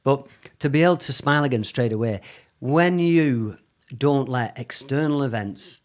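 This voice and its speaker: A man hosting a relaxed conversation. He speaks in a calm, measured and reflective way, drifting into spiritual phrasing as he makes his points. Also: mid-range voice. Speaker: podcast host.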